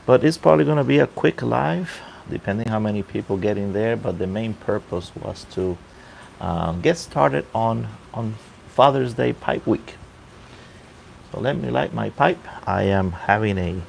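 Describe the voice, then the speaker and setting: A man talking casually off the cuff on a livestream, halting and unhurried, keeping his voice down outdoors on a balcony. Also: lowish voice, expressive, creaky, darkish tone. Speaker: livestream host and pipe hobbyist. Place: outdoor balcony at night near a pool. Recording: faint water noise in background.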